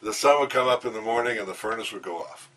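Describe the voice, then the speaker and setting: A man's voice: on the low side, fast talker, a bit bright. An older man being interviewed, telling rambling anecdotes with enthusiasm and plenty of fillers, in a hotel room. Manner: enthusiastic, meandering, many fillers. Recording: distant mic, faint background noise.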